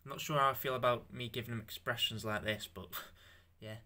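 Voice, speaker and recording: A young man with a bright, forceful voice shows off his handmade figures in a loose show-and-tell. He stammers, restarts and swears as he goes, and he sounds unused to talking out loud. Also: medium pitch, fairly even intonation. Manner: halting, stammering, swears, self-conscious. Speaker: stop-motion creator showing his figures.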